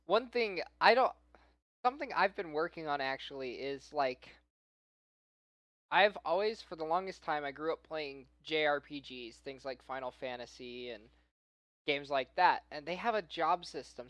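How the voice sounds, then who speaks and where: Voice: medium pitch, a bit bright, no room sound. A podcast regular who runs tabletop games, explaining rules and ideas at length in long winding runs. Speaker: game master. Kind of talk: casual podcast chat.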